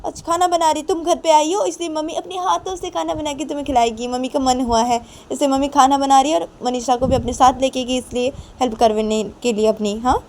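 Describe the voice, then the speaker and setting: Brief: a woman playing a hot-headed young woman, shrill, loud and near tears, in a spoken love story. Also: lively intonation, a little fast, vocal fry, husky, heavily acted. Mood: furious. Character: young woman Nisha, hot-tempered and furious.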